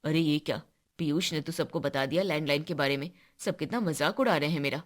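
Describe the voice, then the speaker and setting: Proud, touchy teen boy in a cartoon, voiced by a woman, pitched low. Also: close to an everyday voice. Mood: worried. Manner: low and sulky, quick to snap. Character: teenage boy, proud, touchy about home.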